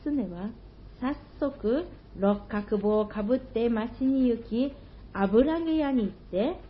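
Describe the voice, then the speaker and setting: A woman telling an old folktale slowly and gently, in old-fashioned storytelling phrasing. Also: fairly high pitch, animated, a little hiss or hum. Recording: dull lo-fi recording.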